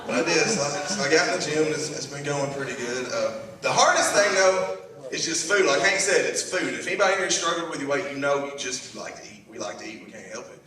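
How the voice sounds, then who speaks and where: A man's voice: a little high, animated, quick pace, sharp tone. Echoey, folksy male stand-up comedian. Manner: folksy, self-deprecating, conversational. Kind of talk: stand-up comedy before an audience. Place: live comedy show stage. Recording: echoey live stage, distant, noisy.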